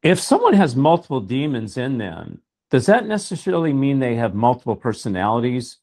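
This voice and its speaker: A man hosts a talk show, asking his guest questions in a relaxed, conversational voice. His speech is even and mid-pitched, with occasional fillers. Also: fairly quick. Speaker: host. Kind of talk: hosting a call-in talk show.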